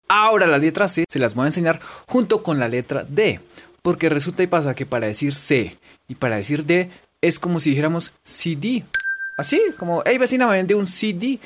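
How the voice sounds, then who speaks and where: A woman's voice: sits low, lively intonation, brisk. Woman teacher, chatty and playful, voice bouncing up and down a lot. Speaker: English teacher. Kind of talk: casual online lesson.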